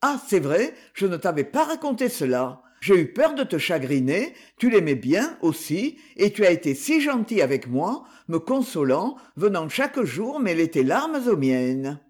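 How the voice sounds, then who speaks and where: A man voicing a slight, calm husband who tells a grim story in a light, coolly ironic tone, read as an audiobook. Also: sits high, unhurried, hardly any pauses. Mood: gentle. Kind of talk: audiobook reading.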